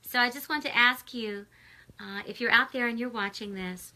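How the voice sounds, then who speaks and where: A woman speaking in a soft, slow, prayerful way as she leads a guided visualization from her home in the mountains. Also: on the high side, low-quality recording. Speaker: spiritual teacher leading a guided visualization. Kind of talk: guided meditation.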